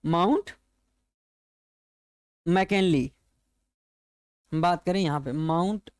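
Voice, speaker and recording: A male teacher leads an exam-prep geography lesson at an unhurried, slow pace. He repeats each fact and turns it into a question for his class to answer back. His voice sounds dry and close, with no room echo. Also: on the high side, smooth. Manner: drills points by repeating them as questions to students; slow, repetitive explaining.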